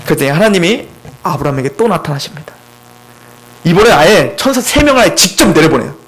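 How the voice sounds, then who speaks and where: A man preaching an expository sermon as pastor, in an animated, conversational way full of rhetorical questions, in a church. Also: a little high, fairly quick, poor audio. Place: church sanctuary.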